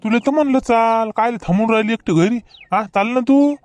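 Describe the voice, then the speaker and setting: A woman putting on a deep-voiced village father. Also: normal speed, darkish tone, no echo, close to an everyday voice. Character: village father leaving for a wedding.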